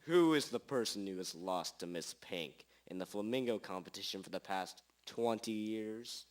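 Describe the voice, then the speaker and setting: A young-sounding amateur actor plays an impatient, self-important private detective in a radio drama, working through deductions. His delivery is formal and theatrical as he interrogates and talks down to his sidekick, in a natural voice at normal speed. The recording is low-quality and amateur.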